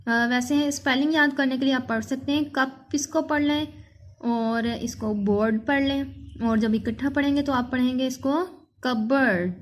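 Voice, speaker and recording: A woman teaching an English vocabulary lesson, drawing out each word slowly before explaining it quickly. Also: high voice, fairly even intonation. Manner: slow, drawn-out word readings followed by quick explanations.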